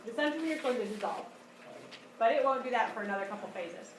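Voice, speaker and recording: A woman's voice: a little high, lively intonation, fast. A woman teacher explaining a lesson to a class, often checking that they follow. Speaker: high school biology teacher. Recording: echoey classroom, distant mic, background noise.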